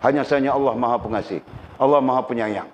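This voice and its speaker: A middle-aged man giving a lively religious lesson and often asking his listeners questions. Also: medium pitch, fast talker. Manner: lively, asks the audience questions. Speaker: religious teacher. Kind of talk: sermon. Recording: dull lo-fi recording with faint noise.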